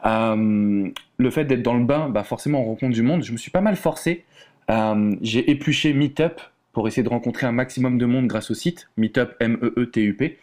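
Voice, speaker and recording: A French man, a relationship coach, talking as a guest in a relaxed, candid way with many fillers. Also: mid-range voice, moderate pace. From France. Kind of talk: conversational interview.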